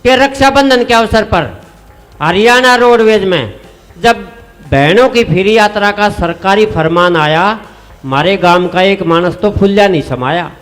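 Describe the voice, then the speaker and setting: A man's voice: sits high, a little slow, a bit bright. A man reciting comic verse on stage at a poetry gathering, addressing the audience with rhyming punchlines. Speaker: stage comedy poet. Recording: long hall reverb, faint music.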